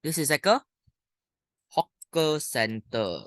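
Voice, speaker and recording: Slow talking teacher w malaysian or singaporean accent, really up and down pitch, casual lesson, thinks out loud. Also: sing-song, dry recording, clean studio sound. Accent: Malaysian or Singaporean English. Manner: colloquial Singlish-style particles, thinking aloud. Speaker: primary school English teacher. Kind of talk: informal lesson, talking through exercises.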